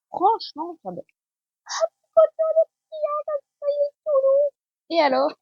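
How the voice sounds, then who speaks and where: Lively, chatty French woman vlogging. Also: fairly high pitch, slightly rough, no echo, dull audio. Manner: chatty, unboxing gifts aloud. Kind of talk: casual vlog chat.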